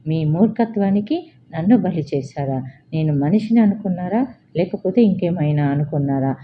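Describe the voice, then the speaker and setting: A woman's voice: fairly low pitch, expressive, normal speed, slight background noise, close to an everyday voice. A woman voicing a distraught young woman who pleads and accuses her boss, in a Telugu audiobook. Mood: furious accusing. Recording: slightly dull lo-fi.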